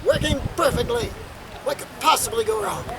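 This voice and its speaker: A man playing a greedy, gleeful scheming servant in a live outdoor comedy, speaking with slow theatrical villainy. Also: lively intonation, over a noisy crowd. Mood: gloating. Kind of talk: live outdoor commedia dell'arte comedy performance. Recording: very noisy outdoor recording with wind rumble.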